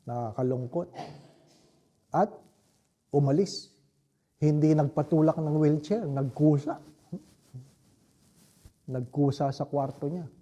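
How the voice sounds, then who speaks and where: Slow, dark-voiced Filipino priest. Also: male voice, on the high side, muffled recording. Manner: slow, reflective storytelling with frequent rhetorical asides. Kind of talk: homily.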